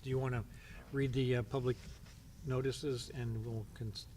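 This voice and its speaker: A man chairs a town board meeting, casual and hesitant, stopping and restarting often. His voice is mellow and darkish. A faint hiss runs under the meeting-room recording. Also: medium pitch, flat delivery, normal speed. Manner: informal, hesitant, lots of um and restarts.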